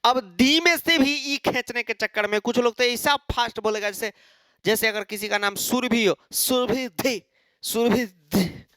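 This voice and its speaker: A man's voice: very high voice, normal speed, bright, forceful tone, smooth, no echo, studio quality. A man teaching an exam-prep lecture, asking and answering his own questions and mimicking students.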